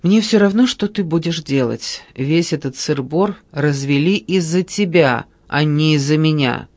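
A man's voice: fairly high pitch, measured pace, a little mellow. A man reading aloud and voicing a blunt, sarcastic pregnant young woman in a storybook, speaking in curt, dry lines.

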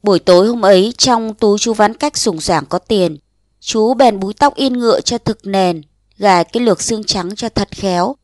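A woman narrating a short story aloud in lively storytelling style, acting out the dialogue in changed voices. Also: medium pitch, normal speed, dry recording, clean studio sound. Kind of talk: audiobook reading of a short story.

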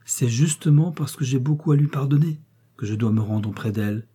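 Brief: man doing a devoted young princess for an audiobook, softly pleading. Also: mid-range voice, a little fast, breathy edge, lightly acted. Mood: earnest pleading. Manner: pleading, tender.

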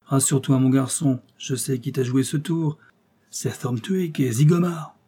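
A man voicing a calm, confident police chief. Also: mid-range voice, unhurried, breathy edge. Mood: reassuring. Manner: composed, amused.

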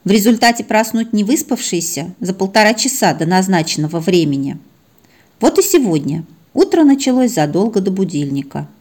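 A woman reading her own humorous story in the first person, wry and expressive. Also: medium pitch, brisk. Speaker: narrator.

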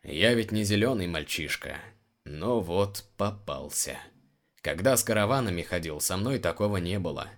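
A man's voice: low voice, lively intonation, moderate pace. A man reading the lines of a rueful, bluff male guard in his own voice.

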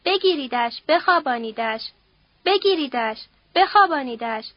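Give me a woman playing a burly, servile barber, with a high voice and a dry sound. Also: lively intonation, no room sound, lo-fi sound. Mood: ordering. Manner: deferential to the master, bossy to the servants. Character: burly mustached male barber-circumciser, servile to his master.

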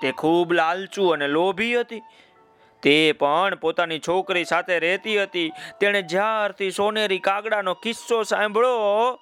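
Bright, high-voiced male storyteller. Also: clear, resonant tone. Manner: lively, folksy asides to listeners. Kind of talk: children's folk tale narration.

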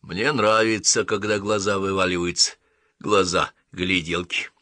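A man doing a slow, brutish thug. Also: low-pitched, fairly even intonation, sharp tone, no echo. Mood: sulky.

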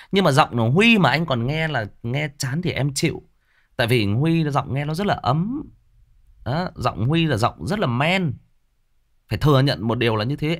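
Northern Vietnamese male narrator, unscripted rebuttal, animated pitch, stumbling restarts. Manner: defensive, repetitive, with many fillers and restarts. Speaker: audiobook narrator answering a listener. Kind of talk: unscripted direct address to a commenter.

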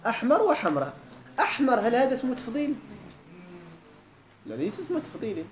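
A man's high, slightly mellow voice fills a roomy lesson hall with a little background noise. He teaches Arabic grammar with a Moroccan accent, checking on his students through repeated questions.

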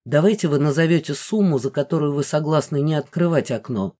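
A reader voicing a cowardly male inquisitor who talks loudly, peevishly and sarcastically in an audiobook. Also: medium pitch, brisk, lightly acted. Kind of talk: audiobook character voice.

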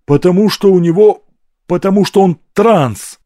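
A man voicing a scrappy, chatty young hustler who talks quickly and cheekily. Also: high voice, dark tone, no echo, clean studio sound, pitched above the performer's own voice, close to an everyday voice. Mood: cheeky.

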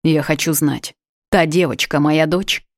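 A woman's voice: deep voice, steady tone, unhurried, dry recording, studio quality. A woman doing a furious growling young man. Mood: angry demanding. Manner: growling, demanding through clenched teeth.

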